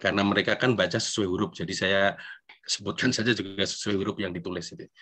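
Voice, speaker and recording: A middle-aged priest giving a recollection talk in a conversational, self-deprecating way, with frequent tag questions. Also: male voice, deep voice, steady tone, quick pace, sharp tone, slightly rough. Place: church hall.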